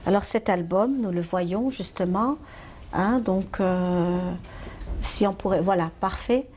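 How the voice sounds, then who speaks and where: A woman's voice: mid-range voice, slow, darkish tone, slight background noise. A woman with an Algerian accent hosting a live interview and phone-in, hesitating and repeating short acknowledgements. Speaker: TV host.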